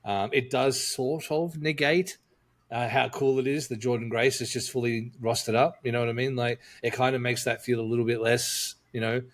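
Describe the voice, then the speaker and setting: A man co-hosting a podcast in a loose, jokey way. He thinks out loud and leans on fillers like "um" and "you know" as he works through his point. His voice sits at an ordinary middle pitch for a man. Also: fairly even intonation, normal speed. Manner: chatty and jokey, thinking aloud with frequent fillers. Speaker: podcast co-host. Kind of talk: casual podcast chat.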